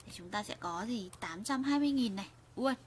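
A woman's voice: medium pitch, animated, a little fast, slight background noise. A woman teaching a grammar lesson, often restarting phrases and asking her viewers questions. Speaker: Korean language teacher.

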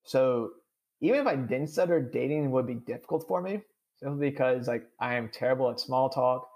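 In a podcast interview, a young adult man with a strong stutter gives frank answers, looping on sounds and trailing into long "uh"s. His mid-range voice is a little mellow and moves at a moderate pace.

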